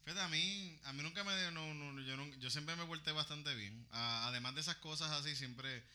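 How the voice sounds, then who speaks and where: A man's voice: a little high, moderate pace, bright, forceful tone. A man, co-hosting a casual chat, thinking aloud and often repeating himself. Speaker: podcast co-host.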